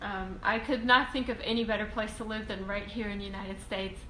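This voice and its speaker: A woman from Russia, a real estate investing educator, answering viewer questions in a casual Q&A video, halting with frequent ums and restarts. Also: medium pitch, steady tone, bright, forceful tone. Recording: echoey room, faint ambient hiss.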